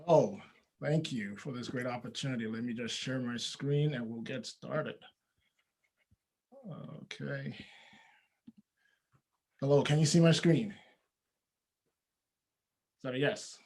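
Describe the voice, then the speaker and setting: A man, a startup founder, giving a rehearsed pitch over a video call in a steady, scripted way. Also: takes it slowly, pauses often. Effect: heard over a video call.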